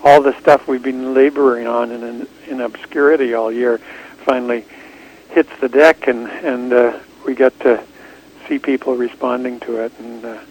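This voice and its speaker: A man, a publisher being interviewed, chatting in a relaxed way with repeated words. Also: mid-range voice, moderate pace, rough recording. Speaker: book publisher and author, interview guest. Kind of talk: casual chat.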